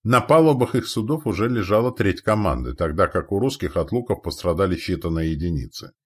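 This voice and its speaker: A man with a very low, dark voice narrates a historical adventure story. His pitch swings widely as he acts out the characters' lines. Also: expressive, brisk, slightly rough. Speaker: audiobook narrator.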